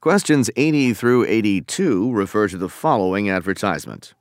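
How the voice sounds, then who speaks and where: A man reading scripted listening test instructions and questions in a formal, deliberate way. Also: on the low side, expressive, dry recording, studio quality.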